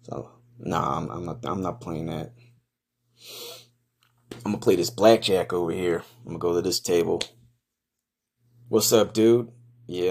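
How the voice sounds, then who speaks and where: Deep-voiced man, crude running commentary. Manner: crude, profane, slangy; mocking, blunt. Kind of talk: casual improvised first-person running commentary.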